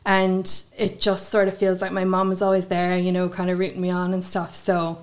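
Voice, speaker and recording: A woman's voice: on the low side, completely flat delivery, moderate pace. A woman with a west of Ireland accent talking casually and informally as an interview guest, with plenty of "like" and "you know". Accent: west of Ireland (Galway). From Galway, west of Ireland. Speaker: podcast guest, blogger.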